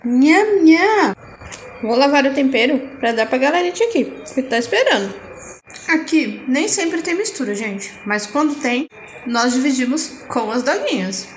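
In a casual food vlog, a Brazilian woman of middle age talks to her phone camera from a home kitchen. Her voice is high, there's slight background noise, and she playfully narrates what she's eating while coining cute little diminutive words.

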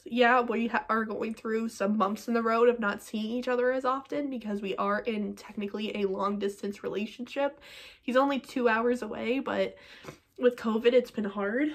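A young woman talking to camera in a personal vlog, emotional and rambling with lots of fillers, a little teary. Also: on the high side. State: teary-eyed. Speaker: vlogger.

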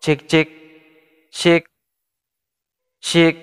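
A man's voice: fairly high pitch, monotone, very slow. A man demonstrating a sound card, testing his mic with a heavy echo effect turned up. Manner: repeated mic checks between short remarks. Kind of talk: casual product demo and mic testing. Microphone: mic through a sound card, with a headset. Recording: long hall-like echo from the effect.

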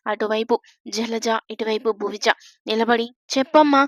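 A woman storyteller narrating a serialized storybook tale in a steady reading voice with emphatic exclamations. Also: a little high, moderate pace, no room sound, lo-fi sound.

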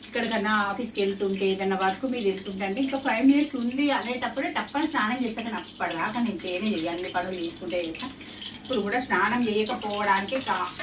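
A woman's voice: medium pitch, background noise. A woman with a Telangana Telugu accent chats casually while cooking, rambling along and repeating herself. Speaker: home cooking vlogger. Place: indoor home kitchen. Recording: roomy, distant mic, clear kitchen sizzle. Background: sizzling oil, clattering pots and pans.

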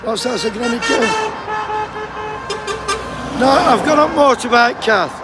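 Out on a picket line beside a busy road, a striking postal union member from Sheffield chats and jokes with passers-by in a thick Yorkshire accent, complaining of the cold and swearing freely. His voice is very high-pitched, expressive and unhurried. It's a casual vlog-style chat, recorded outdoors with loud passing traffic.

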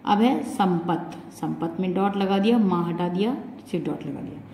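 A woman's voice: lowish voice, fairly quick, mellow. A woman teacher patiently explaining a Hindi grammar lesson to children step by step, checking in often. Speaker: school teacher. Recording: roomy echo with long reverb, faint background hum.

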